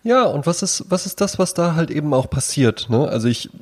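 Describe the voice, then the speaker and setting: A man's voice: a little high, lively intonation, fairly quick, a little mellow. A man co-hosting a casual podcast, musing reflectively and often adding tag questions. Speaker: podcast co-host. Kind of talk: casual chat.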